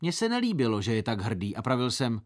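A man reads a story aloud with playful, lively storytelling. His intonation climbs and dips expressively throughout. His voice sits at an ordinary middle pitch. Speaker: narrator. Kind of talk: audiobook reading.

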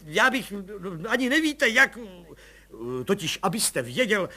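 A man voicing an excitable older army colonel who exclaims in agitated, breathless outbursts. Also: high-pitched, voice pushed up, exaggerated voice. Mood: overjoyed. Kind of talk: audiobook character voice.

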